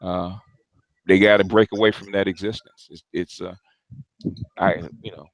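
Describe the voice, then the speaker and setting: A low-voiced man hosting a casual chat, rambling and circling back on his words, restarting phrases as he goes. His voice is recorded dry and close, with no room sound around it. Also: flat delivery, normal speed, no room sound, rough recording. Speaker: show host. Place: Long Island.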